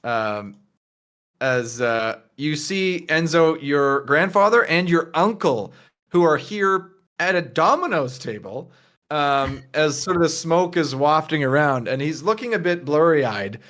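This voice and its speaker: A man running a tabletop game as game master, describing scenes in a loose, hesitant way. His voice is on the higher side and very animated. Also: measured pace.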